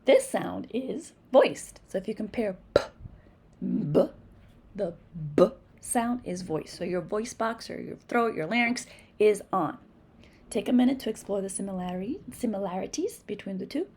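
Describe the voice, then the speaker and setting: This instructional video features a patient reading teacher modeling speech sounds as she teaches phonics. She comes from Massachusetts, speaks with a New England accent, and Spanish is her native language. Her medium-pitched, darkish voice has a breathy edge, lively intonation, and normal speed.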